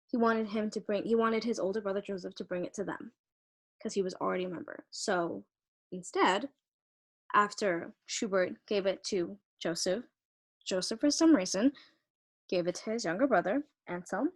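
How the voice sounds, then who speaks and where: A woman's voice: mid-range voice, normal speed, long pauses. Young woman, student presenter, hesitant delivery, frequent ums and restarts, research talk. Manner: hesitant, many fillers and restarts.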